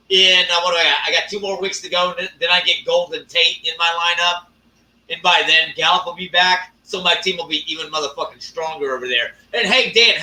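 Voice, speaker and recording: A man's voice: high voice, pushed and bright, far from the mic. Profane man ranting on a live stream. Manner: profane, ranting, drawn-out fillers. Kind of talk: casual live stream chat. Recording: echoey room, off-mic.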